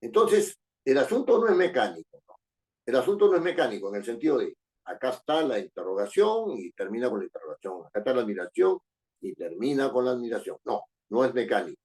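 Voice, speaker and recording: He's a teacher with a Peruvian Spanish accent, lecturing briskly in a sing-song, mid-range voice with a darkish tone. His sentences frequently end in rhetorical questions, and he repeats phrases often.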